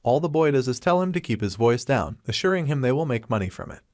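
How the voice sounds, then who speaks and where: A man giving a steady, scripted narration of a story recap. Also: mid-range voice, quick pace, dry recording, studio quality.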